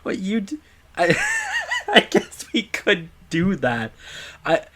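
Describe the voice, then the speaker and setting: A man co-hosting a casual history podcast, excitable and jokey, with quick asides. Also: high voice, noisy background. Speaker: podcast co-host.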